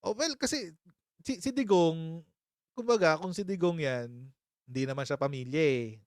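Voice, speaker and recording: A man hosts a casual live-stream commentary in a slightly raised, smooth, resonant voice. He teases and uses sarcasm, slipping into mocking impressions of critics. The sound is dry and close, with no room echo. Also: on the high side, animated, normal speed, a little mellow. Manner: chatty, teasing, breaks into laughter often; sarcastic, mock-impersonates critics. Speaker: political commentary host.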